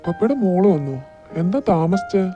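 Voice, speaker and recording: A woman doing a doting dad's low, muffled voice. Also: animated, normal speed, soft background music, close to an everyday voice. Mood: fond. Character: doting middle-aged father.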